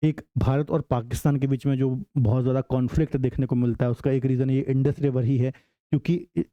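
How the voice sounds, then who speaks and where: A man's voice: medium pitch, fairly even intonation, fairly quick, no echo, dull audio. Man teaching with questions to the class. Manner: repeats questions to the class and answers them. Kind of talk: exam-prep geography lecture.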